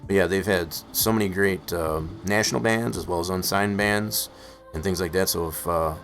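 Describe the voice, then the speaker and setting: Male streamer, deep voice, hoarse, rambling filler-heavy chat, soft music underneath. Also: fairly even intonation, normal speed. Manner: rambling, full of "uh" and "I guess, as far as" fillers. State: hoarse, losing his voice. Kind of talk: casual live-stream chat. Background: faint music playing in the background.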